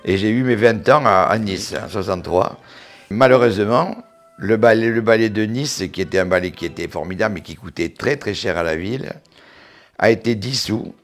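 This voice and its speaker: A man in his eighties with a southern French accent from Montauban, reminiscing in an interview, often halting and repeating words as he recalls. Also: fairly low pitch, faint music behind. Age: 80s. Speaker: interviewee, retired dancer.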